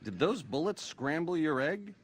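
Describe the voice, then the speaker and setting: Slick game casino boss: cocky, jive-talking, lively pitch. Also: male voice, normal speed, slight background noise. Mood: smooth, flirty. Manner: jive slang, suave crooning delivery. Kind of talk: video game voice acting.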